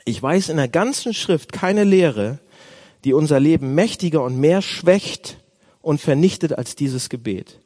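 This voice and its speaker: A man preaching a sermon as a pastor, animated, swinging between loud outbursts and hushed asides. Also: on the high side, measured pace.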